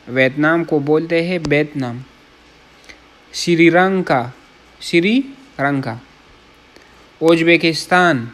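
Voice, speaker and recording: Man, language teacher, slightly high voice, repeats and explains each word, checks in often. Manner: reads each word aloud, repeats it, then glosses it in Urdu; keeps checking in with listeners. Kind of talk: casual classroom-style lesson.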